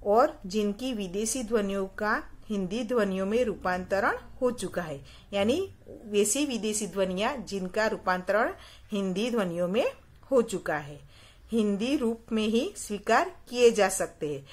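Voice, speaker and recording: A woman teacher talks young children through a recorded lesson with steady patience. She often poses a quick question and then answers it herself, repeating the key word. Her voice sits at an ordinary middle pitch. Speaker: school teacher.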